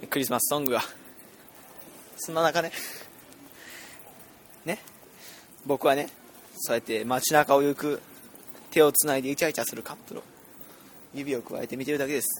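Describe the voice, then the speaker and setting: A man's voice: medium pitch, steady tone, a little fast, long pauses, slight background noise. Chatty young man hosting in a store. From Fukui, Japan. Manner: self-deprecating, chatty, laughing often. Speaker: radio show host. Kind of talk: casual walk-and-talk radio chat. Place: inside a department store. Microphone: earphone mic held between two people.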